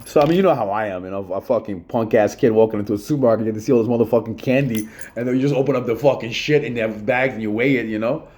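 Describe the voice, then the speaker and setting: A man's voice: lowish voice, very fast, hardly any pauses, darkish tone. Rambling, profane New man. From Long Island, New York. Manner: profane, rambling, repeats himself, says "yo" often. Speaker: channel host. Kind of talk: rambling solo monologue.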